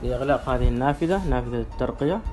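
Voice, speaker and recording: A man presenting a step-by-step software demonstration in a halting, instructional way. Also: medium pitch, soft background music. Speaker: tutorial presenter.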